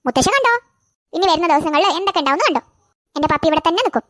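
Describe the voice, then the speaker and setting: A voice actor doing a stubborn high-pitched cartoon girl. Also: animated, rapid-fire, fairly bright tone, no room sound, studio quality. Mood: defiant. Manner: defiant, pleading. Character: stubborn teenage girl with a new puppy. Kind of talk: cartoon voice acting.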